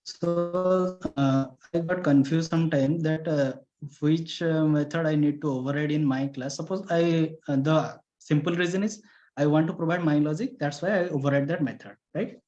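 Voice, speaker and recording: A man's voice: fairly high pitch, fairly even intonation, normal speed, darkish tone, soft background music. A man student asking hesitant questions on a video call, with many fillers and polite address. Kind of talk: asking questions in online class. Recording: muffled breaking video call audio.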